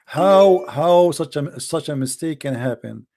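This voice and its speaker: A middle-aged native Arabic speaker with an Arabic accent hosts a heated religious debate, insistently lecturing and repeating phrases to press his points. His voice is on the high side and animated, with a dark tone and vocal fry, delivered at a measured pace.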